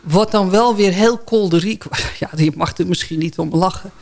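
A woman on a local radio show as a guest, telling stories in a casual, lively way, often restarting sentences and laughing along. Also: lowish voice, moderate pace. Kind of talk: casual storytelling chat. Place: radio studio.

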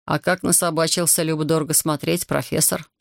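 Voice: medium pitch, flat delivery, a little fast, gravelly, dry recording, clean studio sound, natural voice. A reader voicing a teasing, sarcastic young male soldier in an audiobook. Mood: mocking. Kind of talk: audiobook character voice.

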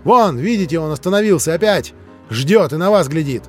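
A man doing a shrill jeering schoolboy. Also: lively intonation, brisk, darkish tone, soft background music, lightly acted. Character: angry schoolboy in a red shirt, taunting.

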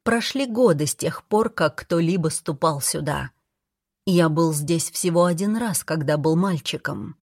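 Brief: woman narrator, low voice, measured first-person audiobook read, dry close sound. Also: a little mellow, no echo.

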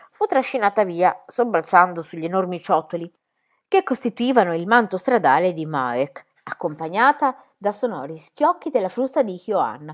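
A woman reading a novel aloud in a calm, measured narration. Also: fairly low pitch. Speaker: audiobook reader. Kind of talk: literary audiobook narration.

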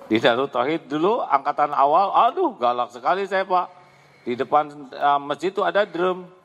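A man preaching in a question-and-answer session, telling stories lively with chuckles. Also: fairly high pitch, normal speed, lo-fi sound, slight background noise. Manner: lively storytelling, chuckling, addresses audience as Bu. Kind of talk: sermon Q&A with humor. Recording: long hall reverb.

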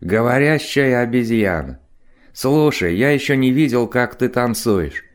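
A man's voice: medium pitch, animated, unhurried, lightly acted. A man voicing a menacing, sneering male biker thug in an audiobook. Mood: mocking. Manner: sneering, threatening.

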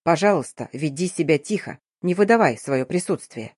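A woman voicing a middle-aged father in an audiobook, speaking low, gentle and coaxing. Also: normal speed, no room sound, studio quality, natural voice. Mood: hushed.

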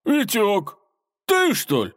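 A man voicing a boastful, toothless old male forest robber in a storybook, squeaky and quick to take offense. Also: lively intonation, natural voice. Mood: chummy. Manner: squeaky, petulant, easily offended. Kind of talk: storybook character voice.

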